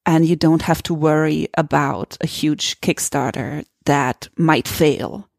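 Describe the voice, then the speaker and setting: A woman's voice: low voice, slow, gravelly, no room sound, studio quality. A woman with a German accent hosting a podcast, talking candidly in a searching way that often restarts phrases. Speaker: podcast host. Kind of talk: casual conversation.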